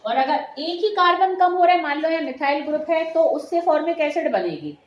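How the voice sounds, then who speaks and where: A woman's voice: high-pitched, expressive, a little fast, muffled recording. A woman teaching chemistry to a class, often checking that the students follow and calling them "beta". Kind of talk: classroom lecture mixing Hindi and English terms. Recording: echoey room with faint noise.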